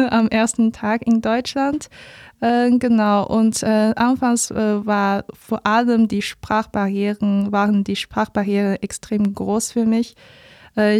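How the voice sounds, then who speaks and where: A woman's voice: medium pitch, darkish tone, dry recording. A woman in her twenties from China, a native Chinese speaker with a Chinese accent, telling her story as a guest in a studio interview, careful and with many fillers. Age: 20s. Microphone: studio mic.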